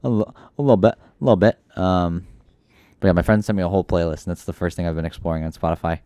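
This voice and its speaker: A man with a very low voice chatting on a comedy podcast, rambling and cracking jokes between plenty of ums and uhs. The sound is close and dry, with no room around it. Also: steady tone, fast, dark tone, no room sound. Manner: rambling, joking, lots of fillers. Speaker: podcast co-host. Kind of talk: casual comedic chat.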